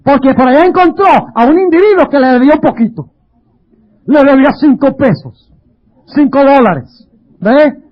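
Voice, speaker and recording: A man's voice: extremely high pitch, expressive, moderate pace, long pauses. A male pastor giving a dramatic sermon, full of rhetorical questions. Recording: dull lo-fi radio sound.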